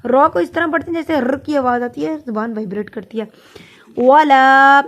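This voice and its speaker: A woman teaching tajweed step by step, explaining each sound before reciting it slowly and drawn out. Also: high voice, animated. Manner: patient, step-by-step. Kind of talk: tajweed lesson with slow recitation.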